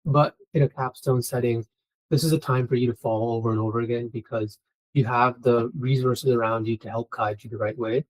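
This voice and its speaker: A man's voice: mid-range voice, steady tone, brisk, poor audio. A man speaking as a student in an interview, giving encouraging, motivational advice.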